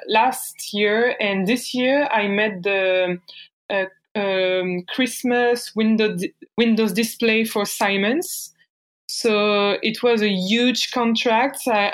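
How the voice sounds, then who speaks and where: A woman's voice: mid-range voice, rough recording. A woman in her thirties from France with a French accent, answering interview questions hesitantly, with many fillers and restarts. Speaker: paper artist guest.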